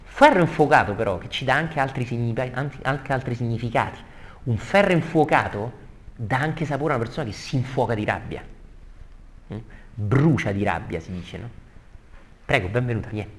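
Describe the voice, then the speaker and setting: A man giving a lively lecture on poetry to a live audience, reading verses slowly and with emphasis. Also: mid-range voice. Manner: enthusiastic, repeats praise, reads verses slowly and emphatically.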